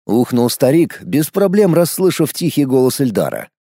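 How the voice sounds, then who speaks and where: A man narrating an audiobook in a lively storytelling manner, acting out the dialogue. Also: mid-range voice, moderate pace, no echo, studio quality. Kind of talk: scripted narration.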